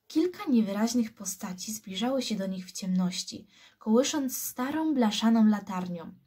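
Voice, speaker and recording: A woman reading a novel aloud as a scout, in slow, hushed storytelling. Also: on the high side, expressive, slightly rough. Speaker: scout reader.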